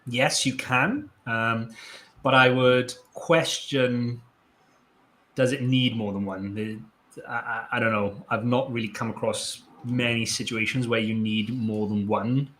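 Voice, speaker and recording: A man co-hosting a live online show, answering viewer questions in a measured, plain-spoken way. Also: medium pitch, fairly even intonation, fairly bright tone, a little hiss or hum. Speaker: co-host. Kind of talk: casual live-stream chat.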